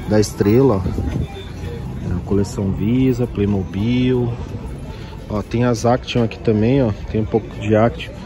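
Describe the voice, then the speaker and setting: A man with a Brazilian Portuguese accent, casually and eagerly showing off toys at an outdoor street market while filming on a handheld phone. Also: lowish voice. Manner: casual, enthusiastic, constantly pointing things out. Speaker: vlogger browsing toy stalls. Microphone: handheld phone camera. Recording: outdoor street with music and traffic.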